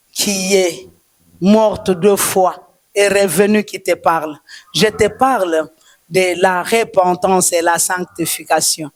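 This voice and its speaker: A woman's voice: medium pitch, dry recording. A woman prophetess with a Congolese French accent, giving a fervent testimony in a repetitive, sing-song preaching cadence.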